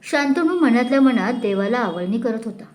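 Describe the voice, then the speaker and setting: A woman narrates a serialized drama story with an expressive, dramatic delivery. Her voice sits fairly high and she voices every scene herself. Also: normal speed.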